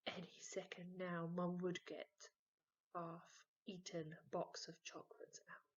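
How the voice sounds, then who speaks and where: A woman reading a children's story aloud slowly and gently. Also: fairly low pitch, monotone, whispered, highs cut off. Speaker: storybook reader.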